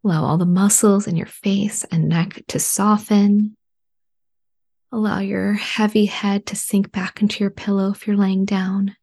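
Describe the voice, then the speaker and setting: Woman doing guided meditation, soft spa whisper, really slow n mellow, breathy. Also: mid-range voice, flat delivery. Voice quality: breathy, hushed. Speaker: guided relaxation instructor.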